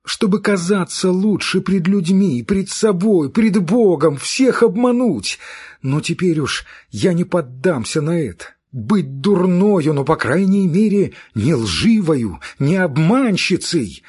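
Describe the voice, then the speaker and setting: A man's voice: mid-range voice, animated, unhurried, husky. A man voicing a hot-tempered, proud young woman in an audiobook reading, speaking in an agitated and insistent way. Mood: indignant. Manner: agitated, insistent, emphatic repetition.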